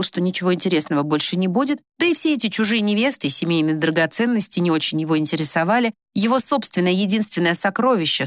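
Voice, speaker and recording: A woman reading a village story aloud in an even storytelling manner. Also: lowish voice, no room sound, studio quality. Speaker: audiobook narrator. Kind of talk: scripted story narration.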